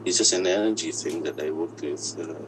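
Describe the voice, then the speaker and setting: A man whose voice has been disguised and pitched deep, telling his own story in an interview, halting and often restarting his words. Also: background noise. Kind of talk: personal account in an interview.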